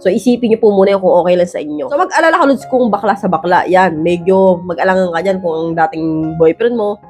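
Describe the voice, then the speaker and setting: A woman hosting an advice vlog in a casual, blunt way. She keeps checking in with tag questions, and her voice has a roughened edge from years of rapping. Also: medium pitch, a little mellow, soft background music. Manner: rapid, blunt delivery she calls man-like. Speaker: advice vlogger, host. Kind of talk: casual advice talk to viewers.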